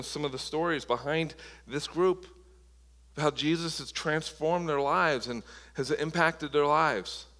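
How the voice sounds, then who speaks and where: A man's voice: medium pitch, fairly bright tone. A man preaching a sermon as pastor, impassioned, often restarting and repeating words. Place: church sanctuary. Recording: long reverb of a large hall.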